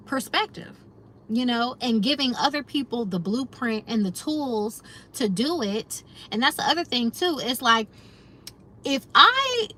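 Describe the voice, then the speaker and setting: A chatty American lifestyle vlogger with a higher, sharp-toned voice talks casually and reflectively to her viewers, calling them y'all. A little hiss or hum is present.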